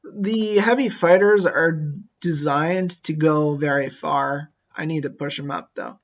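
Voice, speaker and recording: A man talks slowly through a strategy game, musing aloud and talking to his units. His voice sits a little high for a man. The lo-fi mic sounds dull, and mouse clicks tick in the background. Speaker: gameplay commentator. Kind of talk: casual strategy game commentary.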